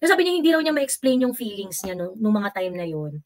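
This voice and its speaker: A woman's voice: medium pitch, sing-song, a little fast. A woman giving heated political commentary as a vlogger and livestreamer, sarcastic and mixing Filipino with English. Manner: mocks opponents by quoting them in exaggerated voices.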